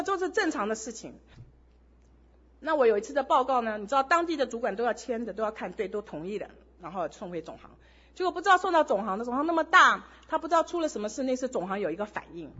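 Woman church speaker, fairly high husky voice, earnest storytelling sermon, dull lo-fi recording. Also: big pitch swings, quick pace, a bit bright. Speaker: church speaker sharing testimony. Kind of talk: sermon testimony.

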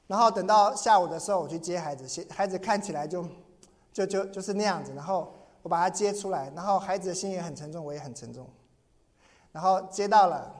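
A man's voice: high voice, darkish tone. A pastor preaching in earnest, telling a personal story and often repeating and restarting his words. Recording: long hall reverb.

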